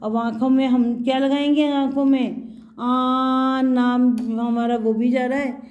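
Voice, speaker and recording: A woman's voice: high-pitched, little pitch movement, slow pace, a little mellow, muffled recording. A woman teaching Hindi to young children, patiently repeating words for them to echo and mixing in English words.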